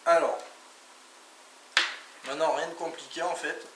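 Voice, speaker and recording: Steady in tone and measured in pace, a man with a fairly high voice runs through a casual hands-on product tutorial as a motorcycle vlogger presenting gear. He explains each step informally, sprinkling in small interjections, while the distant mic picks up echo and a clearly noisy background.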